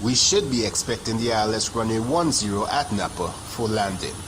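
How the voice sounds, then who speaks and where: A man's voice: fairly low pitch, expressive, a little fast, natural voice. A young man playing an airline captain who gives a formal cabin announcement from the cockpit, with the cadence of a pilot's welcome, at a graduation podium microphone. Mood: mock-formal. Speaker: valedictorian graduate. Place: graduation ceremony stage. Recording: noisy ceremony recording.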